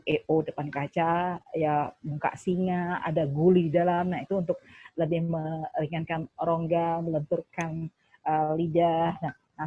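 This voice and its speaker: A woman TV news presenter explaining vocal training, with a measured broadcaster-like delivery. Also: sits low, mellow, breathy edge, dry recording, muffled recording. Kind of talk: workshop talk.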